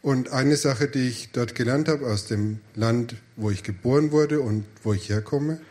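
Male church interpreter, mid-pitched, phrase-by-phrase delivery, frequent hesitations and self-corrections. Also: normal speed, dark tone. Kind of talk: live sermon interpreting.

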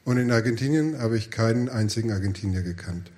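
A man's voice: on the low side, fast talker, a little mellow. A man interpreting a sermon phrase by phrase, with hesitations and self-corrections.

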